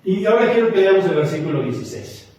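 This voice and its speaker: High-voiced pastor preaching in an echoey hall. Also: male voice, sing-song, quick pace, a little mellow, far from the mic. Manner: storytelling, joking with the congregation. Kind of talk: sermon. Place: church hall.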